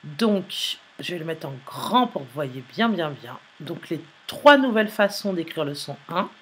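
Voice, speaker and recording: Female teacher, low husky voice, unhurried and careful dictation. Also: very animated, fairly bright tone. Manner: slow, careful dictation, repeating and spelling letters aloud. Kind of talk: French phonics lesson.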